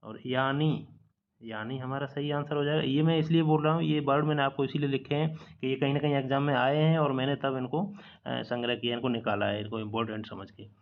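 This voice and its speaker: A man's voice: medium pitch, fairly even intonation, fairly quick, narrow, tinny audio. A man teaching a spelling lesson from slides, patiently repeating each correct word and mixing English words into his explanations. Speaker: exam-prep teacher.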